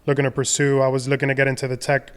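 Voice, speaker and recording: A young adult man from the Dominican Republic, a podcast guest telling his career story in a relaxed, rambling way with many fillers and restarts. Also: mid-range voice, racing, smooth. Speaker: podcast guest, designer and entrepreneur. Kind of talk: casual conversational storytelling.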